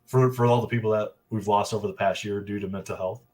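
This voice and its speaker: A man's voice: lowish voice, fairly even intonation, fast talker, over a noisy crowd. A man hosting a casual group livestream chat, laid-back, reading out chat comments. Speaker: livestream host.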